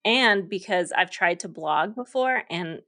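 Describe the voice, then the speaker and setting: A woman in her thirties, a podcast host and native English speaker, is being interviewed and talks casually, chatty, with lots of fillers and frequent laughter. Her voice is fairly low, animated, and sharp in tone, at a measured pace.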